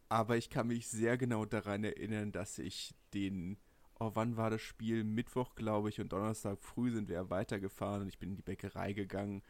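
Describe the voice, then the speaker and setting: A man's voice: on the low side, darkish tone. A man co-hosting a casual podcast chat, telling anecdotes and asking questions in a light-hearted way. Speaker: podcast co-host.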